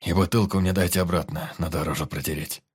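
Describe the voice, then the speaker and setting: Brief: male reader doing a brash hoarse brawler, deep voice, yells and brags. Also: fairly even intonation, fast, no room sound. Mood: demanding. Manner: shouting, bullying, boastful. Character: brash wounded male fighter, hot-tempered boaster. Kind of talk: audiobook character reading.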